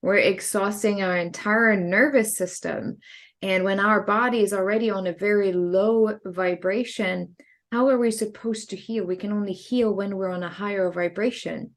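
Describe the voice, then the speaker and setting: A woman's voice: mid-range voice, steady tone, moderate pace. A woman, a holistic practitioner co-hosting a podcast, explaining in an earnest, meandering way. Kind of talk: casual podcast chat.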